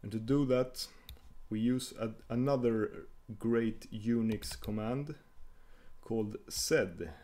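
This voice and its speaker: A man talks through a coding screencast in a mid-pitched voice, explaining each command as he types. He hesitates often and restarts his phrases, and keyboard clicks come through behind him. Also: slow pace, dark tone. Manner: hesitant, many fillers and restarts while typing. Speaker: tutorial host.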